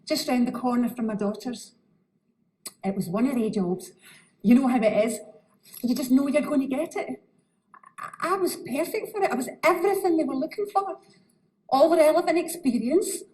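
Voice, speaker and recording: A woman acts as an indignant grandmother in her mid-sixties with a broad Scottish accent. Her voice sits high. She chats in a colloquial, emphatic way, as if telling her story to an interviewer. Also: darkish tone, poor audio. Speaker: interviewee in a case study.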